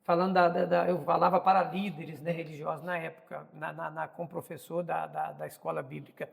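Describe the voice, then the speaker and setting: Gravelly, high-voiced Brazilian man in his fifties. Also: level tone, a little fast, in a large hall. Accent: Brazilian Portuguese. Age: 50s. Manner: opinionated, repeats words when hesitating. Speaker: podcast host and interviewer. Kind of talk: casual interview.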